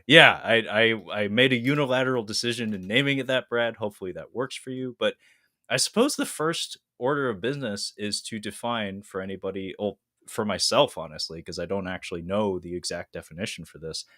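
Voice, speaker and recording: Congested guy hosting a podcast, rattly phlegmy voice, kinda deep, really dry close sound, rambly and wordy. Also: a little fast, pushed and bright, no room sound. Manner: wordy, self-deprecating. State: congested with a cold. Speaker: podcast host. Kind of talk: casual podcast chat.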